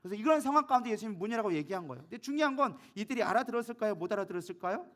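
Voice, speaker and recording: A man's voice: high voice, lively intonation, rapid-fire, a bit bright. A male pastor preaching a sermon, telling the story vividly and acting out the quoted lines, with frequent fillers and self-corrections.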